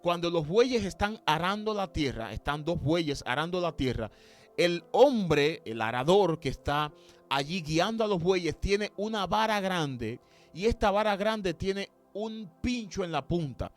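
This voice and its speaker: A man from Cuba, preaching an impassioned sermon that swings from loud to hushed, with slow, drawn-out dramatic quotes. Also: high voice, expressive. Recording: faint music behind.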